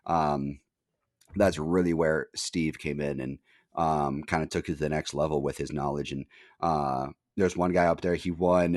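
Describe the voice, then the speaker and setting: A man's voice: sits low, no room sound, studio quality. A young man hosting a podcast, telling a rambling story in casual chat, full of fillers and casual swearing. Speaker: podcast host.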